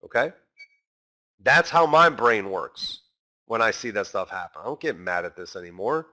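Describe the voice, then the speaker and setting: A man teaching a recorded trading lesson, animated and talking straight to his viewers, acting out a trader's inner voice. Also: lowish voice, normal speed. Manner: talks straight to the viewers as guys. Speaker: trading instructor.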